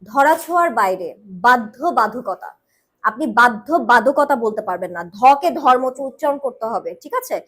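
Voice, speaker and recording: A woman with a high voice and a Bangladeshi Bengali accent gives firm feedback in a news presentation class. She corrects pronunciation by repeating each word slowly and checking with "okay?". She sounds middle-aged and instructive. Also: lively intonation, a bit bright. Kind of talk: giving spoken feedback in class.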